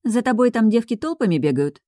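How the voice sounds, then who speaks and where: A defiant young woman answers back with indignant sharpness, voiced by a woman narrator. Her pitch rises above the reader's usual low voice. The sound is close and dry. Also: sing-song, brisk, mellow, dry recording. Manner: indignant, snappish.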